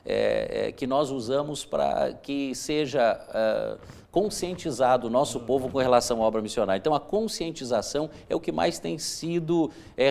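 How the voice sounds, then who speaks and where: Man, 40s, pastor guest, earnest preaching tone, gravelly. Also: mid-range voice, a little mellow. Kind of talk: televised church interview.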